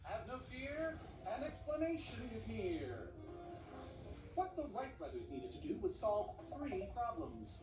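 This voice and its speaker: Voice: medium pitch, big pitch swings, unhurried, echoey room, far from the mic, rough recording. A performer playing a pompous, theatrical master of explanation in a comedic educational TV sketch. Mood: grandly explaining. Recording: TV played back in room, music behind.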